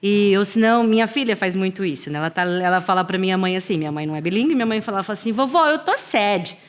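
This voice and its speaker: A woman in her thirties, a school coordinator, talking in a lively conversational way. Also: medium pitch, rapid-fire, smooth. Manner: animated, acts out children's voices in examples. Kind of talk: conversational interview.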